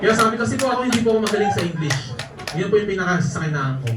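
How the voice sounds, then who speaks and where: Very fast and high-voiced with lively intonation, a network marketing speaker tells a live audience jokey travel stories, frequently laughing. A distant mic in an echoey event hall records him alongside audience noise.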